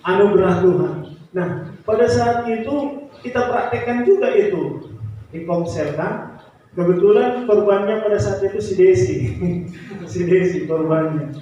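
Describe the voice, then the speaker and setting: High-voiced pastor in an echoey church. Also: male voice, measured pace, pauses often, distant mic, slight background noise. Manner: animated, chuckles often, addresses congregation as saudara. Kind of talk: sermon with storytelling. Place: large church hall. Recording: echoey church hall, mic from afar, dull.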